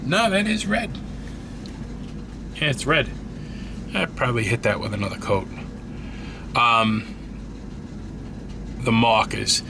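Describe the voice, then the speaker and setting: A creaky, medium-pitched male voice takes things slowly and pauses often, with background noise audible. Congested and stuffed up, he casually presents his scale model build in a hobby tutorial, rambling and self-correcting.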